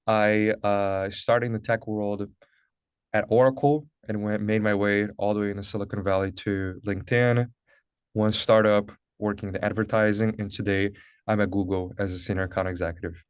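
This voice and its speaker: Talking about his career as a video-call guest in a conversational interview or webinar, this Brazilian man in his thirties, a Portuguese native speaker, comes across as upbeat and earnest, with many fillers like "like" and "uh." His voice is lowish with a clean tone, fairly even intonation and a moderate pace, in clean studio sound with no room noise.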